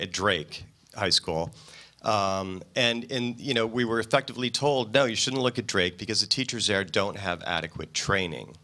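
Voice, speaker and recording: A man speaking as a parent during public comment at a school board meeting, impassioned and insistent, with halting restarts. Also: medium pitch, pushed and bright.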